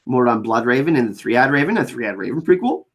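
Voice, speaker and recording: A livestream host with a French Canadian accent and a very animated, up-and-down pitch. The delivery is casual and informal, halting and doubling back on words while answering chat comments.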